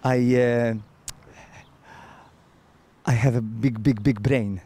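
A Maltese man in his thirties hosts a TV segment outdoors in a garden, speaking into a handheld microphone. He coaches and repeats himself, then turns sentimental. Soft music plays behind him. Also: mid-range voice, fairly even intonation, slow pace. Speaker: TV host.

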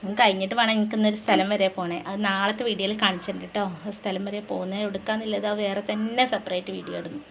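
A woman's voice: mid-range voice, fairly even intonation, very fast, creaky, hardly any pauses, slight background noise. A woman, a home cooking vlogger and mother, chatting casually to viewers as she cooks and tagging friendly asides onto her sentences. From Malappuram, Kerala. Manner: chatty, keeps adding friendly tag questions to viewers. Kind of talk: casual cooking vlog narration. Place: home kitchen while cooking. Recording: loud clattering pots, dishes and stirring.

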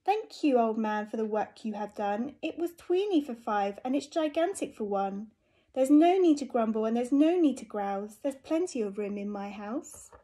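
A woman's voice: a little high, expressive, moderate pace, dark tone. A woman voicing a fussy, grumbling little old lady from a picture book, pleading and exclaiming. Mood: fretful pleading.

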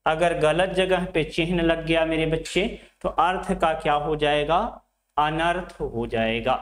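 A middle-aged man lectures at a board, teaching Hindi to exam students and fondly calling them his children. His slightly high voice is steady, a bit bright, and measured in pace, and he repeats phrases and answers his own questions. The room echoes, with slight background noise.

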